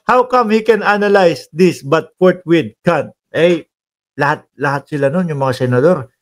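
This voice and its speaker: Filipino guy vlogging about politics, high voice, chatty n animated, laughs a lot. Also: unhurried. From Philippines. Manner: chatty, animated, mixes Tagalog and English, frequent laughs. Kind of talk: casual commentary over played clips.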